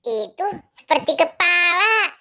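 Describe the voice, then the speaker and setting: A woman voicing an eager, helpful little cartoon boy in a high, childlike, sing-song voice. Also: sing-song, takes it slowly, pushed and bright, exaggerated voice. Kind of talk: cartoon-style kids' voice acting.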